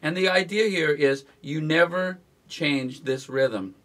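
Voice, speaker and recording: Guitar teacher, male, slightly high voice, calm how-to delivery, counts beats aloud, guitar strumming under his talk. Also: takes it slowly. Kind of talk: relaxed instructional talk. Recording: guitar playing behind the voice.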